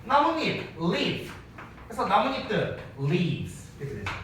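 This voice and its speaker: A man's voice: high voice, big pitch swings, measured pace, a bit bright, recorded from a distance, slight background noise. A man teaching a casual, joking English grammar lesson to a class, switching between polite and informal speech. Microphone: wearing a mask, mic some distance away. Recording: very echoey room, voice off-mic with faint ambience.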